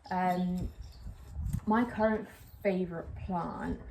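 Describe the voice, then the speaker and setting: Taking it slowly in a lowish, mellow, steady voice, a young Englishwoman vlogs about plants while repotting one on a patio next to a brick wall. A little wind blows, clear outdoor noise is audible, and she rambles self-consciously with many fillers.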